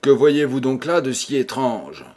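A tense husband whose anxiety turns into curt, brutal replies, voiced by a male reader. The tone stays clipped and irritated. It is read as storybook audiobook dialogue with a mid-pitched male voice. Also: very animated, unhurried, a little mellow. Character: anxious, increasingly brutal husband.

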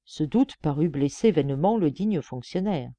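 A woman narrates an audiobook with expressive storytelling and a lively, wide-ranging melody. Her voice is lowish, dark and mellow, recorded dry and close. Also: moderate pace, dry recording. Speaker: audiobook reader.

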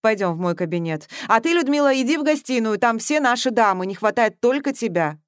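A woman voicing a middle-aged man who is calm, fatherly and firm, with a steady, reassuring tone. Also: a little high, fairly quick, no echo, clean studio sound, pitched above the performer's own voice, close to an everyday voice.

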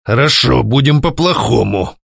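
Man voicing a menacing masked conspirator, gravelly, cold and curt, dry close sound. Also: on the high side, lively intonation, moderate pace, fairly bright tone, no echo, voice pushed up. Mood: threatening. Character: masked male conspirator leader, grim, menacing.

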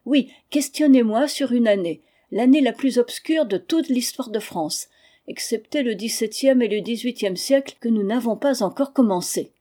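Eager little princess girl, curious and lively, mellow tone , a woman reading her lines. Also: on the high side, moderate pace, close to an everyday voice.

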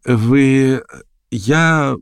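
A man reading an audiobook voices a sentimental, overwrought old gentleman with slow, fervent exclamations. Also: medium pitch, lively intonation, no room sound, clean studio sound, voice pushed up. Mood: rapturous.

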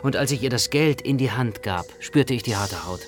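An actor playing an anxious, introspective young man who narrates his own night walk in a literary radio play, speaking in a measured, intense way. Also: medium pitch, lively intonation, faint music behind, close to an everyday voice. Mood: brooding. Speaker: first-person narrator.

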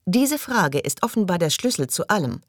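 A man's voice: high-pitched, very animated, normal speed, no echo, clean studio sound, voice pushed up. A man reading an alarmed male expedition member in an audiobook, speaking emphatically and somewhat raised. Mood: emphatic.

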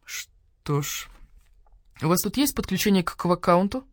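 A woman's voice: fairly low pitch, lively intonation, unhurried, no echo. A woman voicing a tough, impatient badger-cat police officer who talks brusquely and makes threats, in a dry recording. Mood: menacing. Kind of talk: audiobook character voice.

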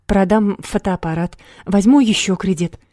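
A woman reading an audiobook, voicing a gentle, quiet young man. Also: medium pitch, normal speed, no echo, studio quality, close to an everyday voice.

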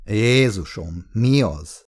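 A male audiobook reader, with a lowish voice and lively intonation, performs a character: a vulgar, joking young man teasing his partner. The banter is crude and playful in mood.

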